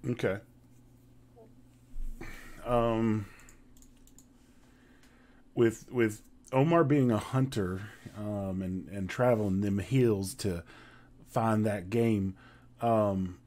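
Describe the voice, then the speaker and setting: A man playing a tabletop game, asking questions casually in a halting way with repeated words. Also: fairly low pitch, darkish tone. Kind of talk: casual chat.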